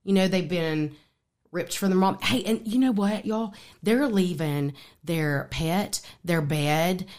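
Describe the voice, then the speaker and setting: This is an animated woman speaking as a guest, with a somewhat low voice. She chats casually in an interview and fills her talk with fillers and restarts. The excitement comes through clearly. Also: slow pace. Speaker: ministry guest.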